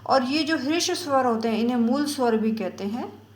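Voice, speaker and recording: A woman teaching a lesson, explaining step by step in a slow, patient way and drawing out example sounds. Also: a little high, lively intonation, reverberant. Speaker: Sanskrit teacher.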